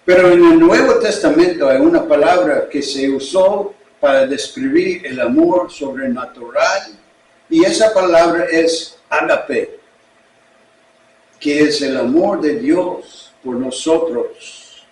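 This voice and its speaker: Male pastor with an English accent, preaching slowly in his second language; recorded in a roomy space from a distance. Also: a little high, darkish tone, a little hiss or hum. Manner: slow, deliberate preaching in a learned second language. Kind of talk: sermon. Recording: echoey room, distant mic.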